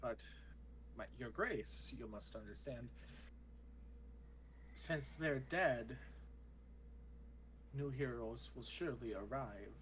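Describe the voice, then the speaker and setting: A man's voice: medium pitch, takes it slowly, pauses often, a bit bright, a little hiss or hum, rough recording. A man playing a deferential armored holy warrior in a tabletop role-play, formal, courtly and hesitant. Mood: earnest, cautious.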